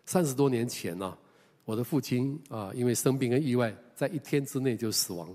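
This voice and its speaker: An older man, a pastor with a Taiwanese Mandarin accent, telling a personal story in a sermon with a conversational manner, many hesitant fillers and drawn-out particles at phrase ends. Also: medium pitch, dark tone, in a large hall.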